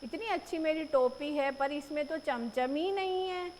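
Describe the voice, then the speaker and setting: A woman's voice: sits high, measured pace, a little mellow. A woman voicing a cocky, boastful little male mouse who makes bossy threats in a sing-song chant. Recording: echoey room, faint noise.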